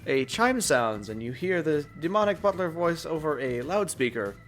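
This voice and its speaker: A man narrating a tabletop game as game master, describing scenes in an unhurried, halting way. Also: fairly high pitch, big pitch swings, fairly bright tone, faint music behind.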